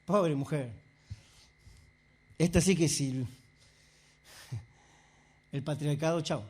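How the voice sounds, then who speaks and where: A male pastor, preaching a sermon with passion, dropping to soft asides and rising to outbursts. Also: fairly high pitch, takes it slowly. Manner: impassioned preaching, swinging between soft asides and raised outbursts.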